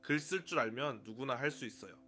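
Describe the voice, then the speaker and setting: A man narrating a scripted tutorial for his own channel in a brisk, upbeat, explanatory way, counting off numbered points. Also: medium pitch, bright, forceful tone, a little hiss or hum. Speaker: YouTuber running a one-person media channel.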